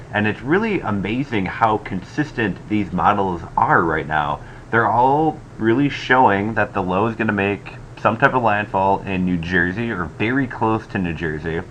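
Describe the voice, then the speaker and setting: A man's voice: lowish voice, fairly bright tone. A man giving an explanatory weather update as a forecaster, recorded on a cheap stand-in microphone. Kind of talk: explanatory weather update commentary over maps. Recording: dull, noisy cheap microphone audio.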